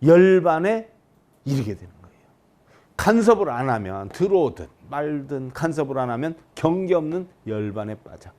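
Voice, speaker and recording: Lively, questioning male Buddhist lecturer. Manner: keeps asking the listeners rhetorical questions; sharp swings between loud high emphasis and soft low drops. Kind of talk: dharma lecture to an audience.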